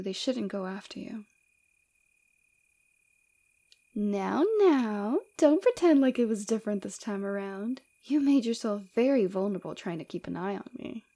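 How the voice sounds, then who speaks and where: With a medium-pitched voice, a woman plays a flirtatious, forward rebel villainess who secretly cares, in a soft, teasing, intimate ASMR roleplay.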